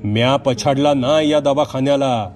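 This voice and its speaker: A man's voice: mid-range voice, moderate pace, a little mellow, faint music behind, close to an everyday voice. A man voicing a vengeful female ghost who possesses a young village nurse, speaking in rural Marathi with a harsh, growling, threatening manner. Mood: menacing. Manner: menacing, taunting threats.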